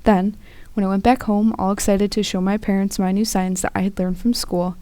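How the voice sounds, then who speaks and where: A young woman, a student interpreter, voicing a first-person story in a plain, even way. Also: mid-range voice, a little fast, no echo. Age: young adult.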